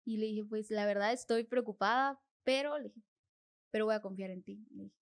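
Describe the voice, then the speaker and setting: A woman's voice: medium pitch, steady tone, fairly quick. A young adult woman, a podcast guest, tells a personal faith testimony in an earnest way and acts out her prayers as dialogue.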